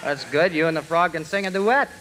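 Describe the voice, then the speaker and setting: A man hosting a 1940s radio comedy show, introducing acts in a brisk announcer style. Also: on the high side. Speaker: bandleader and show host. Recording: old radio broadcast with a loud live audience and heavy noise.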